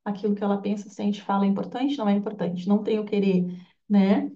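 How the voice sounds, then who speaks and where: A woman's voice: mid-range voice, steady tone, quick pace, warm tone. A woman giving an informal course lecture, chatty, with lots of tag questions. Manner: chatty, with frequent tag questions and quoted voices. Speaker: Bach flower therapy course teacher. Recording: echoey room, distant lo-fi mic.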